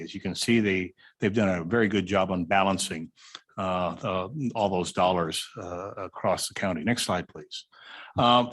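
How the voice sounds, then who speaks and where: Male agency director, lowish voice, walks through slides with lots of uhs. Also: a bit bright. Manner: halting, with many uh fillers. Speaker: highway district director presenting. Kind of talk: slide presentation at a public meeting. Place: city hall meeting room.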